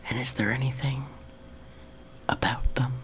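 A man's voice: medium pitch, level tone, unhurried, fairly bright tone, a little hiss or hum. A young adult man hosting ASMR, rambling in a close whisper right into the listener's ear on a sensitive microphone. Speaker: ASMR video host. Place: small room at home, seated on a love seat. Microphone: sensitive high-gain close microphone.

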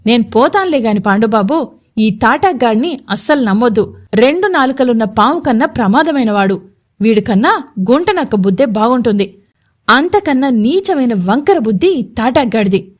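A woman voicing a scornful young village woman who scolds and insults a leering man, slow and contemptuous. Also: fairly high pitch, lively intonation.

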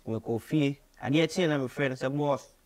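Speaking with a Ghanaian accent, a musician in his twenties from Kumasi, Ghana, chats through a story as a guest in an interview, repeating phrases frequently. He's indoors in a small radio studio, and his medium-pitched voice moves at normal speed.

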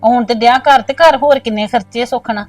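A woman's voice: on the high side, brisk, darkish tone, no room sound, soft background music, lightly acted. Woman playing a soothing village mother-in-law. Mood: pleading. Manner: pleading, soothing. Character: village mother-in-law, soft-spoken and placating. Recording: dry, distant from mic.

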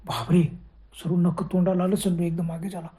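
A man's voice: high-pitched, level tone, fairly quick, dark tone. A man telling a horror story in a dramatic way, full of gasping exclamations.

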